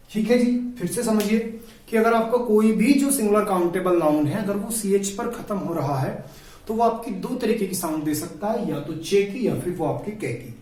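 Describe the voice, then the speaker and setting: Man, English grammar teacher, high voice, repeats points, very echoey room, far from mic. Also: a little mellow, slight background noise. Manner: repetitive, asks and answers own questions, calls listeners "my brother". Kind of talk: classroom-style video lesson.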